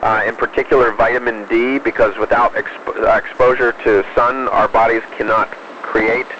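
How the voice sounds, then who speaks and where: A man, an astronaut, answering questions over a space radio link in a measured, explanatory way with hesitant pauses. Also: medium pitch, little pitch movement, highs cut off, noisy background. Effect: space radio transmission. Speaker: astronaut aboard the space station. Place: inside an orbiting space station.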